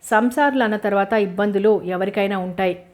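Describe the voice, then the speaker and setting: A woman's voice: medium pitch, brisk, lightly acted. A woman voicing a proud, wealthy middle-aged farmer who speaks in a reasoning, dismissive way.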